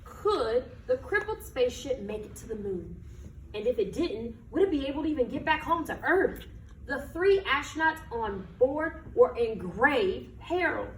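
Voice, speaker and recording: This storyteller is a woman whose high-pitched, lively voice moves at a moderate pace as she reads a picture book to children. She leans into dramatic emphasis and asks her audience questions, captured with echo, distance from the mic, and background noise.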